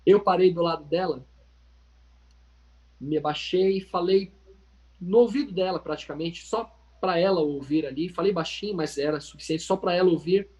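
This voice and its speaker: A man's voice: high voice, moderate pace, darkish tone, lo-fi sound. A man with a Brazilian accent leading a Bible study over a video call, telling a story earnestly and speaking straight to his listeners. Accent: Brazilian Portuguese. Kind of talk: informal Bible study teaching.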